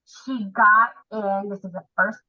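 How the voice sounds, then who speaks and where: A woman's voice: medium pitch, fairly even intonation, measured pace, muffled recording. A woman guest on a podcast chatting casually about grooming dogs, telling her stories animatedly and acting out the voices of the people she quotes. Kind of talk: casual storytelling chat.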